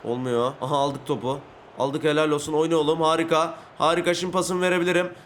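A young man giving casual commentary on a football video game, getting frustrated, ranting and shouting at big plays. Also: on the high side, flat delivery, fast talker, a little hiss or hum. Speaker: gaming YouTuber.

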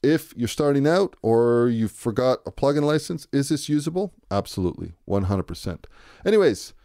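A man giving a relaxed, conversational music production tutorial, thinking aloud as he works. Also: medium pitch, no echo, studio quality. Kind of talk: screen-recorded software tutorial. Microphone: close to a studio microphone.

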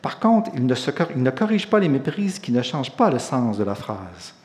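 A man with a Quebec French accent giving a relaxed, explanatory public lecture and mixing in personal anecdotes. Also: mid-range voice, normal speed.

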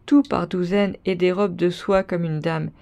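A woman's voice: lowish voice, fairly even intonation, unhurried, vocal fry, darkish tone. A woman reading the lines of a poor young mother pleading with an innkeeper's wife, in a storybook reading.

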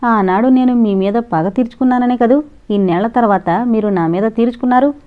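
A woman's voice: fairly high pitch, fairly quick, close to an everyday voice. A woman voicing an anguished middle-aged father and college principal, pleading earnestly, in an audio novel on a dull lo-fi recording. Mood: accusing.

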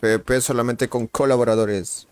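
A man's voice: mid-range voice, moderate pace, smooth. A man live-streaming a shooter game, chatting casually with viewers, greeting them by name and reacting to the match with slangy exclamations. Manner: relaxed, slangy banter with frequent exclamations.

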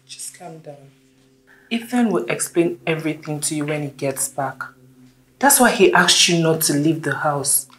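Calm, insistent female minder, low-pitched. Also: moderate pace, rough recording. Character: firm, watchful female minder.

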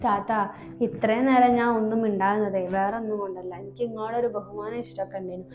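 A woman with a Malabar Malayalam accent playing a calm, patient young daughter-in-law who pleads with her sister-in-law, in a comedy skit. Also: medium pitch, quick pace, roomy sound, highs cut off, lightly acted. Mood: pleading.

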